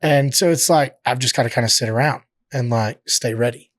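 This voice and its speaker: A man's voice: medium pitch, a little fast, no echo, clean studio sound. A man, a professional fighter, telling stories as a podcast guest in a rambling, profane way, full of filler words. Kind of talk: casual podcast interview. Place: podcast studio.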